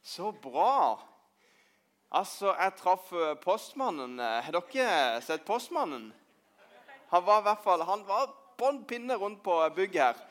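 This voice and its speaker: A man playing rambling old Josef, high voice. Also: very animated, fairly bright tone. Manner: rambling, hesitant, searching for words. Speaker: children's church performer. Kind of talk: children's church role-play.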